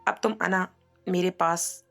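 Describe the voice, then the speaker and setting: A woman's voice: on the low side, fairly even intonation, measured pace, creaky, a bit bright, soft background music. A woman voicing a worried young woman who pleads and grumbles under her breath. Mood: sulky. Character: worried, pouting young woman, mutters sulkily.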